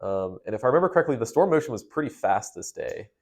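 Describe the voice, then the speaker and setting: A man's voice: medium pitch, expressive, fast. A young man, a storm chaser, casually recounting a past experience step by step in a conversational, detailed way.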